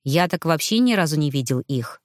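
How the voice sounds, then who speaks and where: Lady doing a lower, grim old ghost grandpa, lecturing, dry sound. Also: lively intonation, a little fast, dry recording. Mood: calm. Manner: instructive, grim. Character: old male ghost, stern great-grandfather and former mage.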